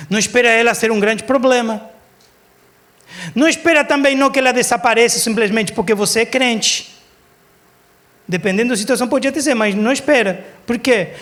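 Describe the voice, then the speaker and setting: A man's voice: extremely high pitch, brisk, long pauses. A man preaching a sermon in church, telling stories and acting out quotes for laughs. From Argentina. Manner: lively storytelling, acts out quotes for laughs. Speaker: pastor. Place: church service.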